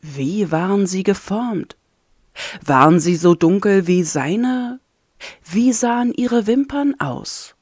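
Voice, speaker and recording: Woman reader, fan-made audiobook, slow and even, dry close mic. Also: medium pitch, dry recording. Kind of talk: scripted narration.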